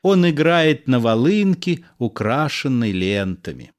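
A man narrating stage directions for an audio play. His pace is slow and unhurried, and his pitch is mid-range. He delivers the directions evenly. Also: very animated. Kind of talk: audio-play reading of a verse drama.

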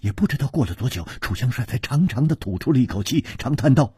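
Male radio storyteller, husky and deep, very animated delivery. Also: fast, no echo, clean studio sound. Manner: sweeping dramatic swings in pitch and loudness. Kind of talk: dramatic radio novel reading.

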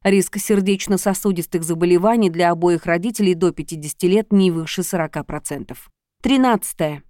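Женщина спокойно читает аудиокнигу, мягкий голос. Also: female voice, on the low side, a little fast, warm tone, dry recording, studio quality. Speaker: audiobook narrator. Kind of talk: scripted narration.

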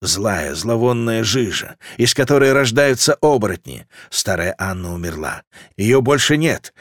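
A man narrating a fantasy audiobook in a measured, dramatic reading. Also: on the low side, no echo, clean studio sound.

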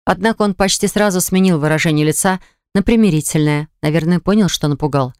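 A woman narrating an audiobook in a steady, measured reading. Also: on the low side, clean tone, dry recording. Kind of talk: scripted narration.

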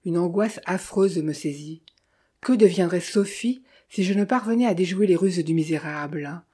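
A woman narrating a novel in the first person with steady storytelling. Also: lowish voice, normal speed, slightly rough. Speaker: audiobook reader. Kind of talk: scripted narration.

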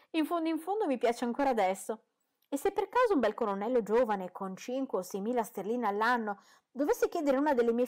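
Woman doing a gushing, fussy mother. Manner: high, loud, eager rushing questions. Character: excitable, fussy middle-aged mother, gushing and pushy.

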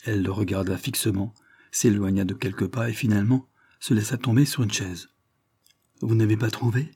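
A man narrating an audiobook in a measured, steady reading voice. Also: fairly low pitch, husky. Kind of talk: scripted narration.

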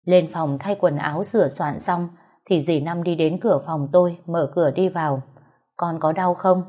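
Low, dark-voiced woman storyteller. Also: normal speed. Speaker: narrator. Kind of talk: storytelling audiobook narration.

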